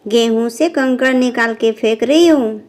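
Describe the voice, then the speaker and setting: A woman's voice: fairly high pitch, unhurried, a little mellow, natural voice. A woman voicing a busy young mother in a doll storybook who chides firmly but cares. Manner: firm, chiding but caring.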